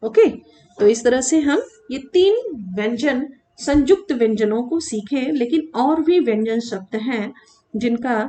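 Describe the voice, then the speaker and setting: A woman teacher explaining letters in a classroom lesson, asking the children questions and answering them herself, drawing sounds out slowly to demonstrate them. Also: on the high side, animated, dark tone, a little hiss or hum. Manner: slow, drawn-out demonstration of sounds; addresses children, asks and answers own questions. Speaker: Sanskrit teacher.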